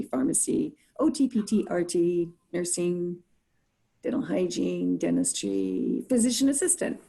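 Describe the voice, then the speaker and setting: A woman from Canada introduces herself on a video call and works methodically through a list. Her voice is low and flat. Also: gravelly. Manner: orderly, lists things methodically. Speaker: dental hygiene program lead.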